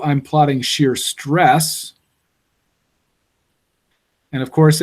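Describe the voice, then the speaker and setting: A man's voice: mid-range voice, darkish tone. A man giving a university engineering lecture, explaining step by step and thinking aloud with fillers.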